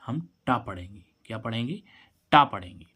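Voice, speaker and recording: A man's voice: medium pitch, lively intonation, sharp tone, slightly rough. Man teaching pronunciation. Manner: asks questions and answers them himself, spells letters out slowly. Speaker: English teacher. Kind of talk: classroom-style spelling lesson.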